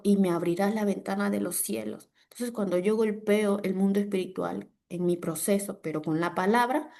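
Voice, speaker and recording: A middle-aged woman with a Peruvian Spanish accent preaching a sermon, fervent, with repeated prayer declarations and bursts of loud emphasis. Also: mid-range voice.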